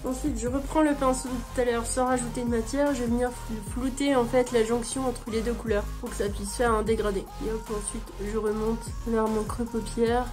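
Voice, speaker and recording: A woman narrating a makeup tutorial as a beauty vlogger, explaining each step in a relaxed way. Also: a little high, brisk, hardly any pauses. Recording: music playing behind the voice.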